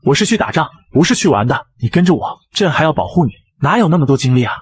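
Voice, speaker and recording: A man's voice: a little high, sing-song, fast, slightly rough, no echo, studio quality, full character voice. A man voicing a headstrong, petulant young emperor in a comic recap, blustering and easily flustered. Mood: scolding.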